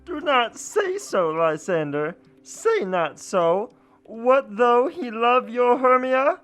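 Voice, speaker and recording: A woman acting a young rejected woman in a home Shakespeare production, with expressive verse delivery. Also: fairly high pitch, takes it slowly, faint music behind, heavily acted. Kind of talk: amateur home Shakespeare performance.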